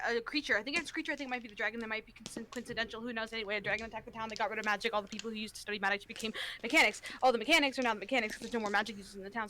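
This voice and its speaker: A woman with a high, bright voice plays a tabletop game. She rambles casually at a rapid clip, with some background noise and clicks.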